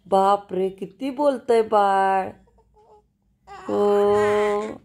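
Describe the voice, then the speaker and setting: A woman talking baby talk to an infant, coaxing in a slow sing-song with lots of repeated words. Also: mid-range voice, a little mellow.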